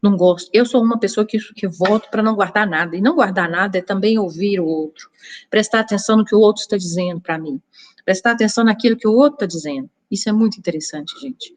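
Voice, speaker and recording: A woman's voice: mid-range voice, fast talker, darkish tone. A woman teaching a church Bible study class in a conversational way, often acting out little exchanges between people. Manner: conversational, acts out little dialogues. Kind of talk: Sunday school teaching.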